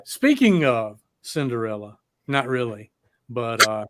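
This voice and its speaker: A medium-pitched man hosts a live streamed talk show at an unhurried pace. Rambling, profane and excitable, he chats casually and curses as he struggles with the stream setup.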